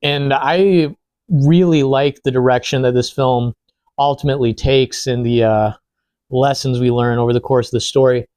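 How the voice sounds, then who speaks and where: Guy chatting through a movie review, informal n a bit sweary, mid pitch, really dry sound. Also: steady tone, normal speed, darkish tone, no echo. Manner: informal, lightly profane. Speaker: film reviewer. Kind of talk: casual film review chat while eating.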